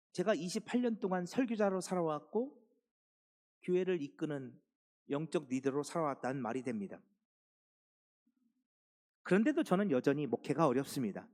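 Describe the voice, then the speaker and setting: A man's voice: medium pitch, a little mellow. A man in his fifties, a pastor preaching a sermon and posing questions to his congregation.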